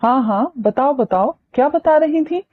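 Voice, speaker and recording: Teasing young man, mischievous and mocking, lively pitch, as a woman reader voices him, lo-fi audiobook. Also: unhurried.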